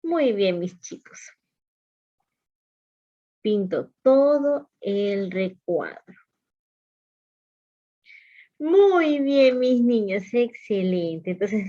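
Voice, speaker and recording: A woman's voice: mid-range voice, mellow, lo-fi sound. A woman preschool teacher talking to small children as if to toddlers, in simple, repetitive, sing-song encouragement. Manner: repeats phrases and questions for young listeners.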